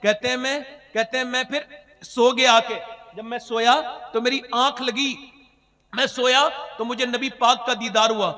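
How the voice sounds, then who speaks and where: High-voiced preacher, booming with long reverb. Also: male voice, steady tone, unhurried. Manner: dramatic, swinging from loud cries to hushed lines, half-sung phrases. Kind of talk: emotional storytelling sermon.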